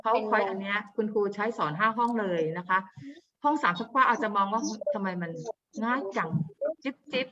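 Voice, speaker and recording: A woman teaching English to young pupils, modeling words slowly and coaxing the class to repeat after her. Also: medium pitch, bright, forceful tone, lo-fi sound. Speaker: primary school English teacher. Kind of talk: online class drilling vocabulary.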